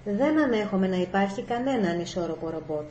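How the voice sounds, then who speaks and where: A woman's voice: mid-range voice, lively intonation, a little mellow, a little hiss or hum, lightly acted. A woman reading a stern robot psychologist. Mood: insistent. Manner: firm, insistent. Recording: echoey room, faint ambience.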